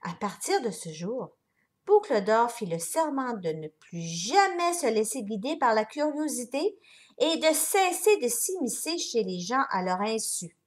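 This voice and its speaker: A woman reading a children's story aloud in an expressive, unhurried way. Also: fairly high pitch. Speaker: story reader.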